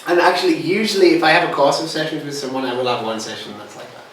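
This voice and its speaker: A fast-talking man with a slightly high voice teaches hypnotherapy informally, answering questions in a loose, hesitant manner. The distant mic picks him up in a reverberant, noisy room full of echo.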